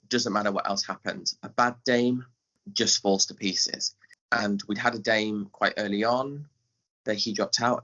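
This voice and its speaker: Chatting casually, an English-accented interview guest explains his job directing theatre; he's from England and writes and directs pantomime. The sound is lo-fi, and his voice is fairly low-pitched with a sharp tone.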